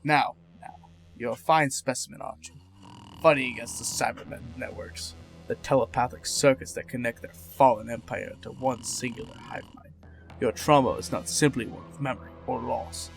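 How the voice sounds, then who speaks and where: A man's voice: mid-range voice, fairly even intonation, normal speed, vocal fry, faint music behind, lightly acted. A man voicing a stern, clinical hospital psychiatrist with an authoritative manner in an audio drama. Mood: coldly curious. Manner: authoritative, coldly curious.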